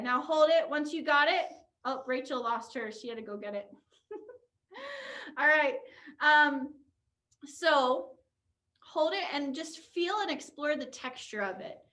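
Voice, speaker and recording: Over a computer video call, a young woman teaches an online drama class for kids, guiding them through a pretend game. Her high-pitched voice is pushed and bright, and she stays encouraging and upbeat.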